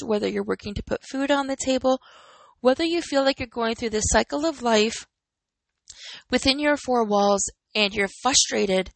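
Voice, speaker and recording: Her voice sits on the high side with vocal fry, and the audio is poor though echo-free. She is a podcast host in her forties, earnest, encouraging and reflective, smiling through a personal motivational talk.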